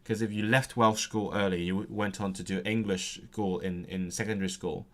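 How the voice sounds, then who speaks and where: A young man studying on a live stream chats casually in a fairly low, steady voice at normal speed. As a language learning streamer, he interrupts himself often and reads practice words aloud, repeating them over and over.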